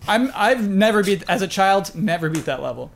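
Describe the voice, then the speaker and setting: A man hosting a casual gaming podcast, talking in an animated way with quick exclamations and laughs. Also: sits high, vocal fry. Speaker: podcast host. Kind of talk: casual chat.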